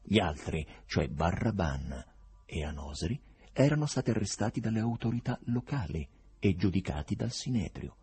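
A man reading a novel aloud with expressive, varied delivery. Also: sits low, moderate pace, husky. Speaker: audiobook reader. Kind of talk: dramatic literary reading.

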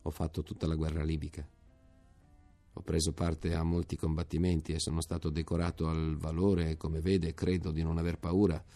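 A man voicing a gravelly, fretful old army major. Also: very deep voice, monotone, moderate pace, warm tone, soft background music. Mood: confiding. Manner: fretful questions, later earnest confiding. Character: anxious fiftyish army major, nervous then relieved.

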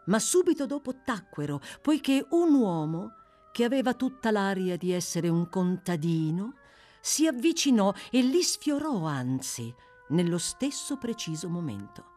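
A woman reading a classic novel aloud with expressive, dramatic narration. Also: mid-range voice, unhurried, soft background music. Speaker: audiobook reader. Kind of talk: literary audiobook narration.

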